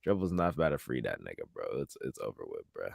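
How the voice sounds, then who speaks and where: A man's voice: extremely low pitch, big pitch swings, fast, creaky, slight background noise. A man hosting a podcast, chatting loosely in slang about news clips and laughing at his own remarks. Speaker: podcast host. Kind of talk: casual commentary on news clips.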